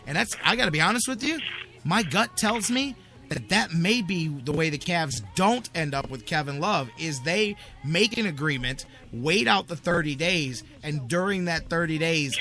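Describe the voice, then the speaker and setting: This sports talk host is a man whose bright, punchy voice sits slightly high. He speaks emphatically and insistently, hammering his opinions home through repetition.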